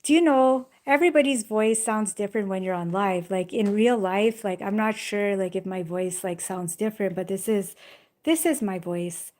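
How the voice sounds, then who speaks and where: A young Jamaican woman with a mid-range, slightly mellow voice hosts a casual live stream from a phone held in her hand. Speaking at a moderate pace, she reads viewer comments and rambles along, often saying "like" and "you know."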